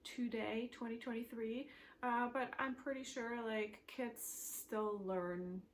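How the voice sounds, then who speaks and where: Speaking slowly and in a steady tone, this fairly high-voiced woman talks to camera for her home knitting podcast. She's from Switzerland, German is her native tongue, and her chatty, filler-heavy rambling comes with slight background noise.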